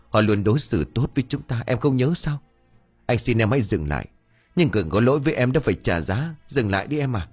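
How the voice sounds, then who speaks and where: A man voicing a gentle older brother, a servant, earnestly coaxing his sister to stop in an audio ghost story. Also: medium pitch, slightly rough.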